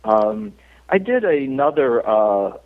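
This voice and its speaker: A man's voice: mid-range voice, sing-song, slow pace. Chatty man on a tinny phone line. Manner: chatty storyteller, laughs often, many fillers. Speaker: actor guest. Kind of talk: casual interview chat.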